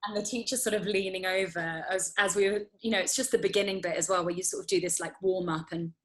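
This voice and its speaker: Poor audio captures an interview guest, a thirty-something actress brought up in the UAE, whose quick, steady, mid-range voice wanders casually through her answers with many fillers and restarts.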